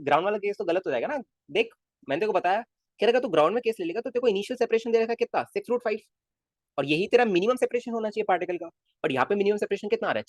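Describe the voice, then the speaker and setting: Male physics teacher, quick delivery, lively pitch, coaxing questions, casual live class. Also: dry recording, studio quality. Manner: coaxing, keeps asking students questions; casual, calls students kids. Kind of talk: live online class lecture.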